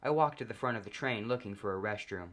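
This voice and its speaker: The narrator is a man recounting a humorous story about himself; he talks fast, his pitch runs low, and his delivery stays completely deadpan.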